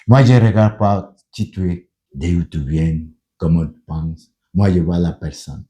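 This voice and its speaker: Earnest and unhurried, a middle-aged pastor and union leader relates his story in French, his second language, for a documentary interview. His low voice is mellow, and he often restarts hesitantly and repeats words.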